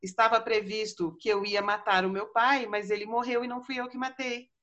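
A woman's voice: fairly high pitch, fairly even intonation, brisk, fairly bright tone, highs cut off, lightly acted. A woman voicing a dismissive queen who scoffs at oracles.

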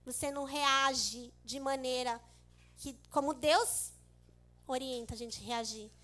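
A Brazilian woman with a high voice preaches to her congregation and tells her story with expressive energy. She acts out each line of dialogue in it. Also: takes it slowly. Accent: Brazilian Portuguese. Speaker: church speaker.

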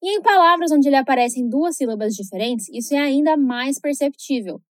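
A woman with a Brazilian Portuguese accent teaching English pronunciation in a chatty scripted video lesson, slowing down to model each word carefully. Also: high voice, lively intonation, dry recording, clean studio sound. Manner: chatty, tag questions, slow careful model words.

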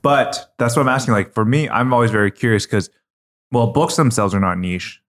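A man's voice: medium pitch, brisk, a bit bright. A man co-hosting a podcast from his kitchen table, thinking aloud with frequent restarts and hedges. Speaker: podcast co-host. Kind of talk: casual chat.

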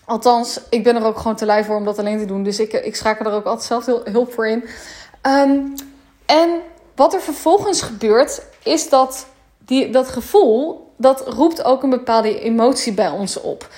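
Woman coach, slightly high voice, frank casual monologue, drops English slang. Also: moderate pace, darkish tone.

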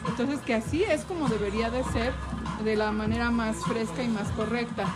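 A Mexican woman hosts at an outdoor event, her fairly high voice at a normal speed over loud music. She chats casually with lots of fillers, translating for viewers and switching to English to ask questions.

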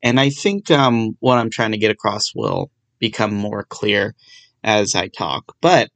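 A man's voice: on the low side, animated, a little slow, fairly bright tone. A young man in law school hosting his own solo podcast, talking through a legal topic in a casual, self-deprecating way with dry sarcasm. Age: young adult. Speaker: podcast host.

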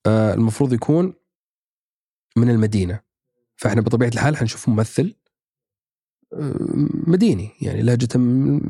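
This podcast guest, a Saudi Arabian actor and writer, has a dark, mid-range voice captured in a dry recording. He chats casually, thinking out loud with many fillers and restarts.

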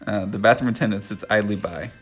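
A man with a lowish voice reads stage directions aloud as a podcast host. He keeps breaking into laughter, then slides into casual chat. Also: quick pace, a bit bright, faint music behind.

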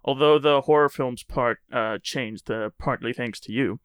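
Man, slow pace, smooth clear voice, dry close sound, casual, rambling fillers. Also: mid-range voice, a bit bright, no echo. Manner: rambling, filler-heavy, reflective. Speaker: conversation guest. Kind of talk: casual conversation.

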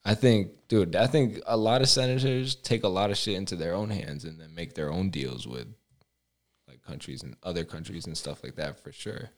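Low-voiced young man rambling casually. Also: normal speed. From Albania. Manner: rambling, filler-heavy, swearing. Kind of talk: casual chat.

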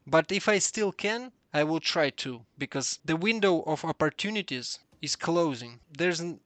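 A Russian man with a fairly high voice and a close, dry sound. He talks casually but earnestly, with a Russian accent and emphatic, halting non-native phrasing, as a guest in a conversation. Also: animated, fairly bright tone, no room sound. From southern Russia. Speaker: interview guest, 3D artist.

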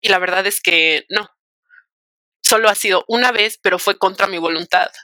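A young Mexican woman talking in a bright, forceful voice, animated and slangy, with English words dropped in. The recording is close and dry, with no room sound. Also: mid-range voice, normal speed, no room sound. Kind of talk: casual chat, storytelling.

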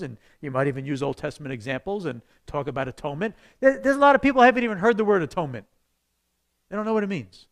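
Teaching evangelism to his congregation, this man speaks conversationally in a high-sitting voice. Every so often he erupts into sudden loud bursts.

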